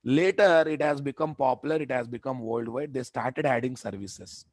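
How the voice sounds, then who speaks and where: A man's voice: medium pitch, moderate pace, dry recording, clean studio sound. A man with a Telugu accent in Indian English, lecturing students as an instructor, emphatic and repetitive, often checking with rhetorical questions. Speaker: web development instructor. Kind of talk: live online lecture to students.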